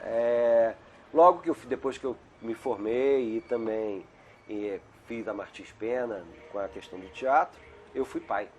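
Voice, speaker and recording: Middle-aged man, doctor, guest on an interview, chatty and digressive, medium pitch, faint background noise. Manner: chatty, digressive, frequent "né?" tags. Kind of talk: casual conversational interview. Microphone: video call.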